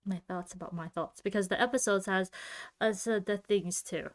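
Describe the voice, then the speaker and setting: A woman hosts her own podcast solo, chatting casually and thinking out loud in a giggly, loopy way. She's also a streamer, and her medium-pitched voice moves at a moderate pace.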